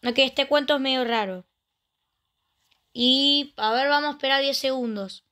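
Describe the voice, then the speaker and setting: Brief: Rioplatense woman host, let's play commentary, high voice, chatty and exclamatory. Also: unhurried, bright, forceful tone. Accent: Rioplatense Spanish. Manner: chatty, exclaiming often while playing. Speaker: gaming channel host.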